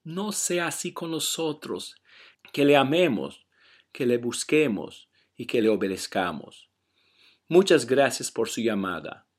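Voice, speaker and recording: A man delivers a short recorded Bible devotional at a deliberately slow pace. His voice sits at a middle pitch, and he reads scripture earnestly before reflecting on it. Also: very animated. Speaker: devotional message speaker.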